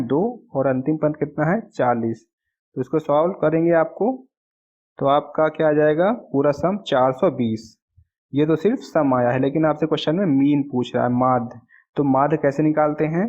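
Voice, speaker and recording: A male exam tutor working through answers. He asks a question and answers it himself, mixes in English terms, and reads the English question text slowly. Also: on the high side. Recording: dull lo-fi audio.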